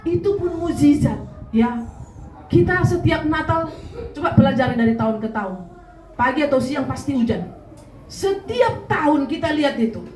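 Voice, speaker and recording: A woman preacher with a high voice delivers a conversational Christmas Eve sermon, often calling out to her congregation. She is heard from some distance through the reverberant space of a church hall. Steady background noise sits under the recording. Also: moderate pace. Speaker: pastor. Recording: echoey church hall, distant mic, noisy.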